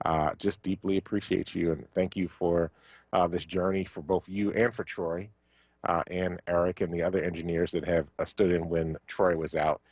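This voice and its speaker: A man from Philadelphia co-hosting a radio talk show, speaking casually with many fillers and pauses. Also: deep voice, level tone, husky, no room sound, lo-fi sound. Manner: halting, many fillers, warm thanks. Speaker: radio co-host. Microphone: studio microphone.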